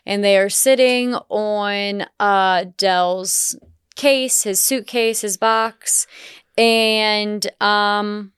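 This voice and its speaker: Crisp-voiced woman recapping a movie. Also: medium pitch, steady tone, very slow, a bit bright, no echo, clean studio sound. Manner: recaps the plot in long chatty runs. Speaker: podcast co-host. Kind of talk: casual movie review chat.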